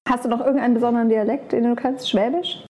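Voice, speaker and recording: A woman's voice: on the high side, steady tone, fast talker, dark tone. A woman chatting casually and playfully as a podcast host. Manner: giggly, playful. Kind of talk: casual chat. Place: holiday apartment by the sea. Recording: clearly noisy location recording.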